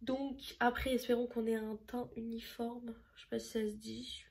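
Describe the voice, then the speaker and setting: A woman's voice: a little high, flat delivery, normal speed, creaky, a little mellow. A young woman chatting casually and a little rambly while doing her makeup for a vlog tutorial. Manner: chatty, rambling, self-deprecating. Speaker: beauty vlogger.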